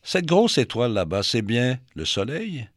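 A man voicing a small, curious female ice moon on a long, tiring journey, speaking in a raised, gentle, questioning voice. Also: mid-range voice, very animated, unhurried, no echo, clean studio sound. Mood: wondering.

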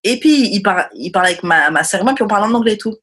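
Hesitant young French woman, husky voice. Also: medium pitch, animated, very fast. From France. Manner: hesitant, many fillers and restarts, trailing off quietly. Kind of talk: casual chat.

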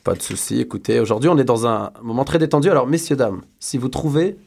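Male radio host, playful, wisecracking, casual joking chat, mid-pitched voice. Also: quick pace, vocal fry, a little mellow, husky. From France. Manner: playful, wisecracking, reads notes aloud.

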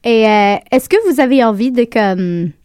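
A woman's voice: on the high side, moderate pace, darkish tone, clean tone, no room sound, studio quality. A woman asking rambling, hesitant questions in a casual radio chat. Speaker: radio interviewer. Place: radio studio.

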